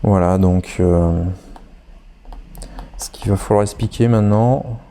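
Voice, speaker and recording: A man with a head cold narrates a step-by-step screen-recorded tutorial for an online course, chatty but hesitant and full of fillers. He speaks slowly in a lowish, dark-toned voice, with a slight hiss or hum on the recording.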